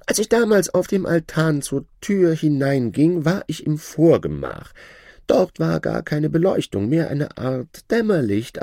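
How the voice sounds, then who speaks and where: A man doing a smug, high-voiced shadow gentleman. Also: vocal fry, dry recording, studio quality, heavily acted. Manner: smug and showy, high-pitched put-on voice. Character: boastful, newly rich male shadow turned gentleman.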